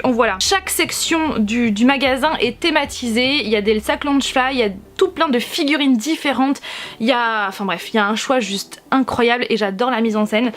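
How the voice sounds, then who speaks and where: Gushing over what she bought, this young woman vlogs a relaxed haul video in a slightly high voice, full of enthusiasm and frequent restarts. The recording comes from a camera-mounted shotgun mic in a warm home room where a fan hums.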